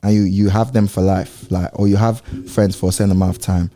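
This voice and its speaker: A man's voice: low voice, little pitch movement, fairly quick, dark tone. A young man, chatting casually as a podcast co-host and telling a story in a rambling way. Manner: rambling, storytelling with quoted voices. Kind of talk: casual chat.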